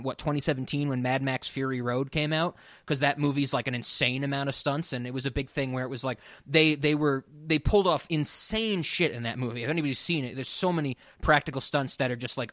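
A man's voice: mid-range voice, brisk, few pauses, fairly bright tone, dry recording, clean studio sound. A man co-hosting a podcast, talking in a loose, rambling way with many restarts. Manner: laughs often. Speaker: podcast co-host. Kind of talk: casual chat.

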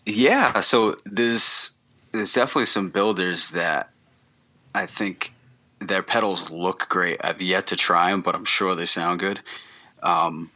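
A man guesting on a podcast, talking in a relaxed, rambling way with many ums and restarts. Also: deep voice, a little slow. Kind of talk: casual interview chat.

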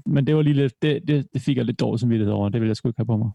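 A man's voice: medium pitch, creaky, no room sound, lo-fi sound. A man co-hosting a podcast in casual chat, laid-back and laughing as he rambles through anecdotes. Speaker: podcast co-host.

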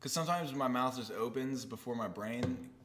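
A man's voice: mid-range voice, normal speed, noisy background. A young man co-hosting a casual chat, rambling and self-deprecating, swearing freely. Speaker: podcast co-host.

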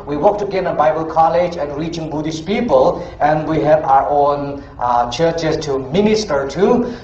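A man from Myanmar with a Burmese accent and non-native, somewhat halting English, giving a missionary testimony to a church congregation. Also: fairly high pitch, a little mellow. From Myanmar, Chin State. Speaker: missionary preacher, guest speaker. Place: indoors in an echoey church. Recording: echoey room, dull muffled sound, faint noise.

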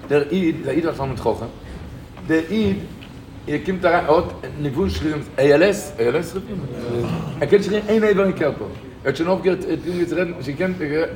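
A man giving an informal rabbi's talk to a group, emphatic, repeating his key phrases and rising into bursts of emphasis. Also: on the high side. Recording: echoey room with loud background noise.

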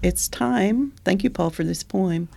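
A woman's voice: mid-range voice, unhurried, gravelly, a little mellow. A woman co-hosting in natural, unscripted talk, casually explaining and chatting. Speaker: podcast co-host.

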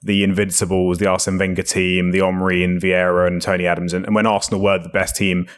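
A man's voice: low voice, level tone, fast. A man in his thirties co-hosting a casual chat, agreeable and steering the talk with questions. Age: 30s. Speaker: podcast co-host.

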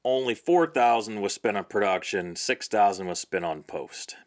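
A man's voice: lowish voice, normal speed. A man co-hosting a podcast on indie filmmaking, telling stories from his early shoots in a blunt, ranting, casual way.

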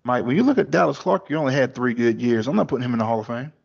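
A man's voice: mid-range voice, lively intonation, rapid-fire, creaky, breathy edge. Male co-host, blunt and profane, easygoing chat, muffled audio. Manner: blunt, swears freely, laid-back banter. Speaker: podcast co-host. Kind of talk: casual chat.

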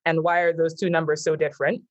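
A woman's voice: sits low, little pitch movement, fast talker, dull audio. A woman with an American accent, a guest talking thoughtfully in a casual conversation, with frequent fillers. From born in Japan, Nigerian, raised in the US.

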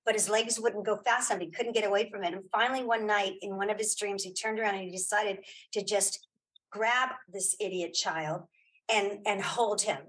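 A woman, a podcaster and audio drama creator, chats informally as an interview guest, emphatic, encouraging and repeating phrases to get her point across. She speaks at normal speed in a steady, medium-pitched voice that's a bit bright and slightly rough. The recording is low quality.

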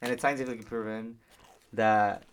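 A man's voice: lowish voice, steady tone, fairly quick, smooth. Young man co-host, laughing and cursing. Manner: laughs easily, swearing, hesitant. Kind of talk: casual chat. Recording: faint background noise.

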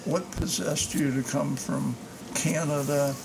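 An older man hosting a podcast interview, talking in a slow, meandering way with many fillers. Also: on the high side, steady tone, gravelly. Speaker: podcast host. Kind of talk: casual interview. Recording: noisy background.

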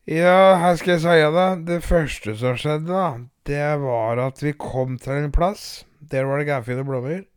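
A loud, crude country woman, as a man puts her on rambles on with swearing and bragging. Her voice sits higher than his own and pushes hard. The sound is dry and close. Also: few pauses, clear, resonant tone, no room sound, close to an everyday voice. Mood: gossiping.

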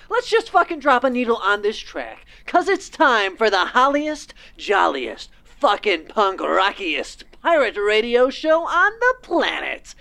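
A brash, foul-mouthed punk woman, played by an actress, fronts a pirate radio broadcast in an audio drama. Her announcer delivery is theatrical and very animated, with pitch that leaps around. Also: creaky, heavily acted.

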